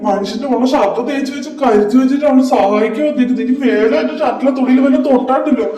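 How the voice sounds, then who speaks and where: A man's voice: very high voice, quick pace, mellow, recorded from a distance. Man playing a fed-up young husband, complaining, roomy echo, off-mic. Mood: exasperated. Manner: complaining, grumbling.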